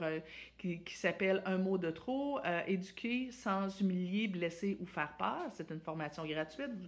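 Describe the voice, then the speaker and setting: Speaking with a Québécois French accent, this woman coaches parents, giving advice and performing parent examples in exaggerated, high-pitched voices.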